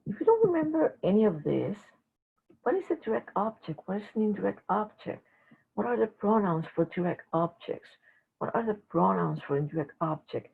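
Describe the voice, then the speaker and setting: Gravelly, husky woman teaching over tinny audio. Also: mid-range voice, sing-song. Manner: halting explanations with frequent filler pauses. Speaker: language teacher. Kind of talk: recorded lecture.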